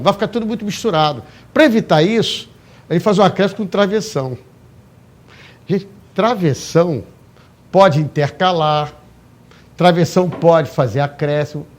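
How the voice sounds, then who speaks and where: A man with a high voice leads a live grammar class in a classroom. He explains each rule step by step, stresses the key points and keeps checking that the class follows along. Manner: emphatic, explains step by step with frequent check-in questions. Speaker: Portuguese grammar teacher. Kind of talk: live exam-prep class lecture. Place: classroom, also streamed online.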